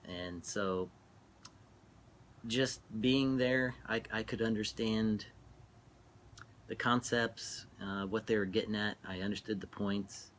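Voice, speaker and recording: A middle-aged man talking casually and reflectively while smoking, halting and trailing off between phrases as he reminisces. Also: on the low side, fairly even intonation, fairly bright tone, slight background noise. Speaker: vlogger. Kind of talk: casual rambling monologue, reminiscing.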